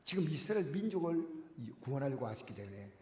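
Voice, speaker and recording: A man preaching a sermon to his congregation, emphatic and direct, swinging between loud exclamations and near-whispers. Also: fairly high pitch, big pitch swings, fast. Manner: addresses the congregation directly with repeated questions. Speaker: pastor. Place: church sanctuary. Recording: echoey church hall with long reverb.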